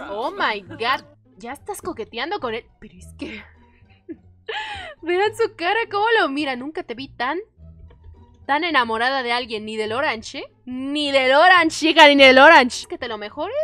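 Woman streamer, high and animated, playful let's-play commentary with music faint behind. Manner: animated, dramatic, jokey, playful outbursts. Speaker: gaming youtuber.

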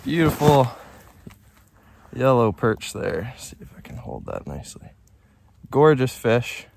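A man's voice: medium pitch, creaky, a little hiss or hum. A young man chatting casually outdoors on a frozen lake, explaining his fishing with easygoing enthusiasm to a nearby camera. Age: young adult. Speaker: fishing vlogger. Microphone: camera on the ice nearby.

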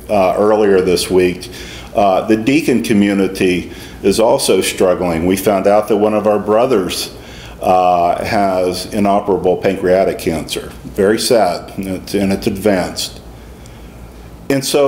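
Speaking in a slightly mellow voice on the low side, a middle-aged man serving as deacon gives a conversational homily sprinkled with folksy asides. The sermon takes place in a small stone-walled church, and the echoey recording picks up faint room noise.

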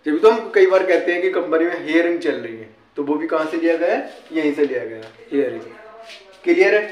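A man's voice: fairly high pitch, animated, a little fast. A man with an Indian accent explaining English words like a teacher, often asking a question and answering it himself. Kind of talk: casual classroom-style explanation. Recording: echoey room.

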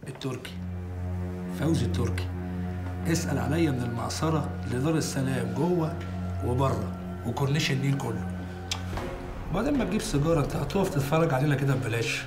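A man's voice: medium pitch, expressive, quick pace, pauses often, lightly acted. An actor playing a cocky, flirtatious male petty crook with an Egyptian accent, talking in a brash, wheedling way. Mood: boastful. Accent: Egyptian Arabic. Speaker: actor in a TV comedy series. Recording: echoey set with music behind.

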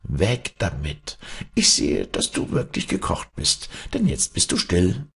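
Sly trickster kid in an audiobook tale, voice pushed up high, gravelly and rough, read by a man. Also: huge pitch swings, takes it slowly, heavily acted. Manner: mocking, gleeful taunting. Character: cunning trickster boy, boastful and sly.

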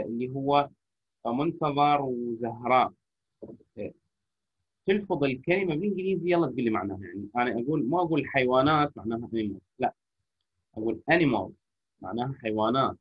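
Iraqi guy teaching kids english over a muffled video call, bit husky, patient, says phrases super slow. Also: mid-range voice. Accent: Iraqi Arabic. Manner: patient, repeats phrases slowly to model pronunciation. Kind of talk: online class teaching. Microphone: computer or phone mic on a video call. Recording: lo-fi online call audio.

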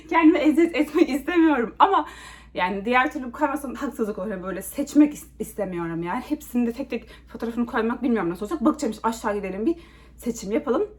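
A woman vlogging casually to a handheld camera, ranting in an animated, exasperated way while she walks around a small shop. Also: a little high, rapid-fire. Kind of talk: casual vlog talk to camera. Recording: noisy ambient background.

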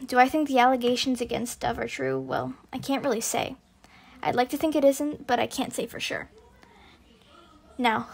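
A woman with a raspy voice giving casual, loosely scripted video commentary in a hesitant, rambling, self-correcting way. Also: on the high side. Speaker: video creator and narrator.

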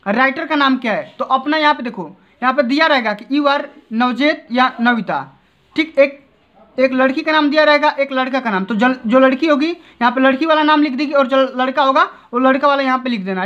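High-voiced man coaching students, lo-fi. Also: pushed and bright. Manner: coaxing, keeps repeating check-in tags. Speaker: exam-prep teacher. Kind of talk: tutorial explaining to students. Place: desk seen from above, indoors. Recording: dull lo-fi phone recording.

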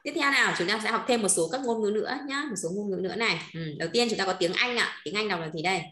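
A woman's voice: medium pitch, bright, forceful tone, slight background noise. Patient woman teacher, roomy sound. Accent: Northern Vietnamese. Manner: patient, keeps checking with quick questions. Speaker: Chinese teacher. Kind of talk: language lesson to a class. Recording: roomy echo.

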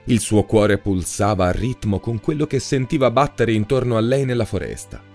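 A man narrating a short story in a scripted, expressive storytelling manner. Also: fairly low pitch, normal speed. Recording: soft background music.

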